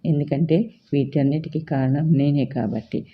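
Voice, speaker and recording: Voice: medium pitch, steady tone, moderate pace, a little hiss or hum, natural voice. Give me a narrator doing a stern middle-aged mother telling off her son, in a slightly muffled recording. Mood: pleading. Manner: demanding, reproachful questions.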